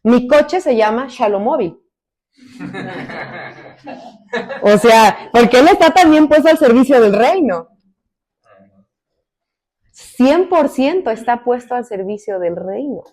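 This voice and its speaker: A woman from Mexico preaching a sermon. Her voice sits a little high with a mellow, warm tone. She swings between loud, emphatic lines and soft, quiet asides. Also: lively intonation, slow pace, pauses often. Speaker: minister preaching.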